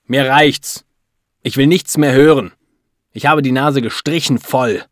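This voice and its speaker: Enraged husband in an audiobook story, read by the narrator, loud, bitter, raised voice. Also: male voice, medium pitch, a little slow, dry recording, studio quality, pitched above the performer's own voice, natural voice. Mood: furious. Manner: shouting, bitter and sarcastic. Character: furious jealous husband, adult man.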